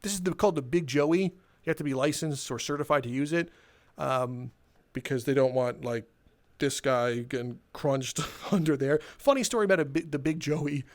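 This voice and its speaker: A young man talks casually over a game, in a voice a bit higher than most men's. He rambles and sounds sardonic, swearing now and then as he tells his stories. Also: moderate pace. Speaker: gaming video creator. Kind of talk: casual storytelling while playing a game.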